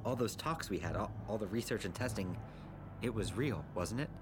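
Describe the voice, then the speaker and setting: A man's voice: fairly low pitch, moderate pace, close to an everyday voice. An actor playing a distraught man in an audio drama, pleading in a breathless, cracking voice. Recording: clip played with music underneath.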